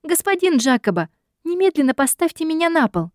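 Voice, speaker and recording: Woman doing a feisty young secretary, shrill, protesting, high-pitched, dry close sound. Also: big pitch swings, brisk, no echo. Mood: indignant.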